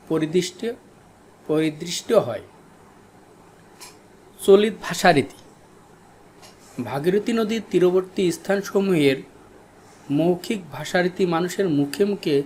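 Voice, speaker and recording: A man from Bangladesh teaching a grammar lesson, repeating key terms slowly for his students. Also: fairly high pitch, a little mellow, a little hiss or hum. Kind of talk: recorded classroom lesson.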